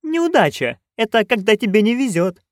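A male reader voicing a loud, bossy old witch woman who shrieks and scolds. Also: sits high, sing-song, moderate pace, dry recording, studio quality, voice pushed up. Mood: grumbling.

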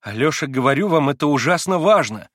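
A man voicing an excitable, morbid young girl in an audiobook reading, breathless and rapturous. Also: fairly high pitch, a little fast, no echo, studio quality, voice pushed up. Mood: urgent.

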